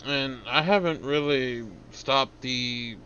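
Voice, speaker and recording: Male player, mid-pitched, casual and profane, muffled lo-fi chat audio. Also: slow pace, bright, forceful tone, slight background noise. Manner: casual, swears, hesitant fillers.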